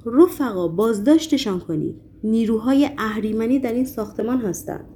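A woman reading aloud, voicing a panicky, bullying male building chairman who shouts in a gruff, flustered way. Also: fairly high pitch, a little hiss or hum, natural voice. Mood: furious.

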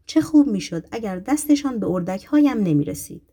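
A woman's voice: on the high side, lively intonation, dark tone, breathy edge. A woman reading an audiobook, voicing a wistful, worried red-bearded man who sighs as he talks. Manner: sighing, wistful.

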